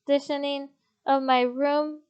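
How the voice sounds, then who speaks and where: A young woman reading a visual novel aloud as a game streamer, expressive, with blunt swearing asides. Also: sits high, unhurried, dull audio.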